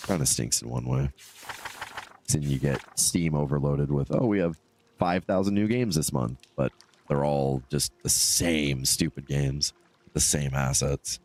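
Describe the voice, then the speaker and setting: Here a man with a stuffy nose from a cold streams a game and talks casually to his audience, meandering across subjects and answering chat. His voice rumbles low and is a little mellow.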